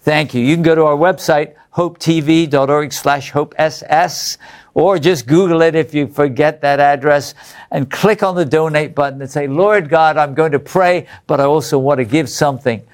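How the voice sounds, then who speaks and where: The host of a Bible study program, an Englishman, reads viewer letters in a bright, upbeat manner, chuckling now and then. He speaks at a moderate pace in a fairly high voice.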